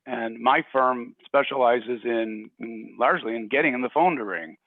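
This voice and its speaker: A man who runs a marketing firm, explaining a business point in a measured way during a casual discussion. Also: mid-range voice, dry recording. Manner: measured, with fillers and restarts as he builds a point. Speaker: show host and marketing firm owner. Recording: tinny, dry phone-like line.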